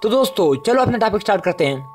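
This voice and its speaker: A man with a Pakistani Urdu accent gives a casual spoken lesson on English letter sounds, chatting with viewers as if they were friends and drawing out each letter slowly as he repeats it. His voice is high-pitched with big swings in pitch, and soft music plays in the background.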